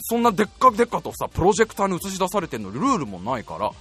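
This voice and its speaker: High, animated man telling a comic story. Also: rapid-fire, slightly rough, no echo, faint music behind. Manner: animated, laughing while telling a story, acting out voices. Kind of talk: comic anecdote, casual chat.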